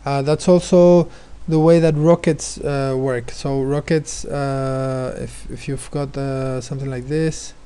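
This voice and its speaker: A man's voice: mid-range voice, steady tone, takes it slowly, few pauses, dark tone, clean tone. A male teacher explaining physics exam questions, hesitant, with many fillers and restarts. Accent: non-American, his remark says so.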